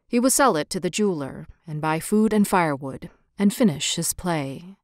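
A woman voicing a gentle, sorrowful prince who is a statue, speaking solemnly and tenderly in a storybook tale. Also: lowish voice, expressive, normal speed, dry recording, clean studio sound, voice pushed down, close to an everyday voice.

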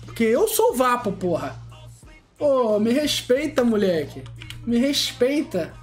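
A man's voice: very high voice, sing-song, measured pace, faint music behind. A man commentating his gacha pulls, boastful and taunting, drawing out chanted catchphrases. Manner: shouts and laughs loudly at lucky pulls. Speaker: gaming streamer. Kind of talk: excited gacha-pull commentary.

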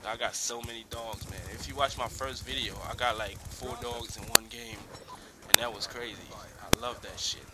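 A man's voice: mid-range voice, steady tone, normal speed. A young man casually commenting on his own game footage as a channel host, laid-back, swearing freely and calling everyone "man". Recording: noisy homemade recording with hiss.

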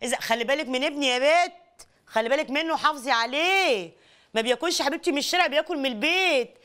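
A woman's voice: sits high, fast, fairly bright tone. An actress playing a fussy, overprotective Egyptian mother who dotes on her only son, with an Egyptian accent. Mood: doting. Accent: Egyptian Arabic.

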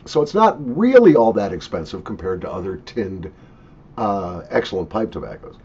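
A man's voice: low-pitched, big pitch swings, normal speed, darkish tone, husky. A man in his sixties giving a casual, opinionated, unscripted product review in an emphatic way, recorded at a desk in a small home office. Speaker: pipe tobacco reviewer. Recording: dull lo-fi webcam sound.

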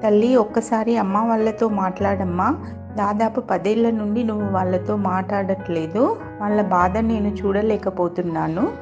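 A loyal old farmhand with a gentle, fatherly, pleading way of talking, in a storybook audio tale, as a woman narrator puts him on. Faint music plays behind, and the sound is a little dull. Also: medium pitch, fairly even intonation, normal speed, close to an everyday voice.

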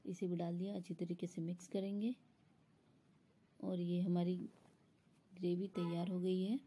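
Narrating a step-by-step cooking tutorial as a home cook, this woman speaks unhurriedly in a fairly low, level voice. Its tone is warm, touched with breathiness.

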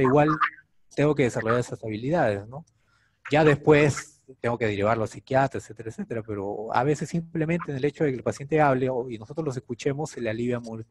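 A middle-aged man talks through a lecture for medical students in a relaxed, conversational way. His pitch sits mid-range for a man, and he keeps checking in with his listeners with a questioning "no?". A faint hiss of noise runs under the recording. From Peru. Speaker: doctor teaching medical students. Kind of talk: informal online lecture.

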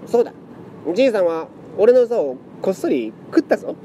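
A man's voice: on the high side, lively intonation, a little fast, slight background noise, lightly acted. A man voicing a sly male cat who teases and speaks in riddles. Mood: accusing. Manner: loud, teasing, riddling.

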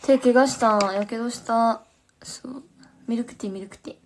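Young female streamer with a Fukuoka accent, chatty and slangy, a little high-pitched. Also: steady tone, normal speed, slight background noise. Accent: Fukuoka Japanese. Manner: chatty, slangy, reading and answering comments. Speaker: livestreamer. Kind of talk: casual livestream chat.

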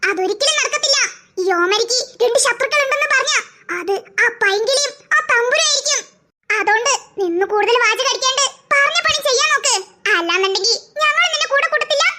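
A woman's voice: very high voice, very noisy. A woman voicing a bossy, scheming schoolgirl ringleader who talks smugly with giggles in a cartoon. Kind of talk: cartoon voice acting.

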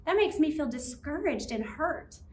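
Lady teaching a kids bible lesson, kinda high voice, a bit off mic w faint hiss. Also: expressive, moderate pace, echoey room, far from the mic. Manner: gentle, encouraging, speaks to kids as friends. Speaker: children's ministry teacher.

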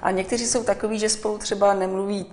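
A woman hosting an interview, asking gentle, thoughtful questions. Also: mid-range voice, steady tone. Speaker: interviewer, host. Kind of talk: interview conversation.

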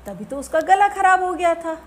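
A woman's voice: very high voice, lively intonation, moderate pace, pitched above the performer's own voice. A woman voicing a teasing cat who mocks a friend in a children's story.

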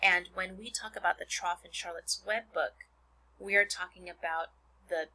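A woman teacher giving a read-aloud lesson for children, carefully pronouncing and explaining words in a breathy voice. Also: lowish voice, fairly even intonation, pushed and bright, low-quality recording. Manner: deliberate, careful word-by-word pronouncing and defining. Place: indoors at a desk, screencast over book and worksheets.

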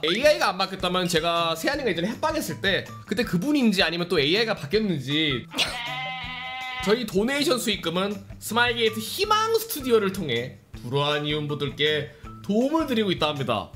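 A man's voice: high voice, pushed and bright. A young man hosting a livestream interview, asking polite but teasing questions into a close microphone. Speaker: event host and interviewer.

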